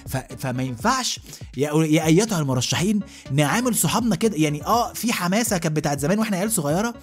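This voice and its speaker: Fast-ranting Egyptian man in his thirties. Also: a little high, lively intonation, faint music behind. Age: 30s. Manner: rapid rant full of repeated "you know what I mean". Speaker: podcast host. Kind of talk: comic monologue.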